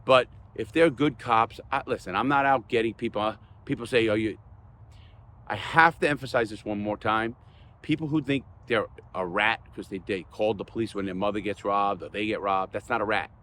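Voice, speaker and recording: Talking a little fast in a fairly low, sharp-toned voice, an older man who hosts a crime stories channel speaks unscripted to his viewers over slight background noise. He comes across as earnest and emphatic, plainly repeating points for stress.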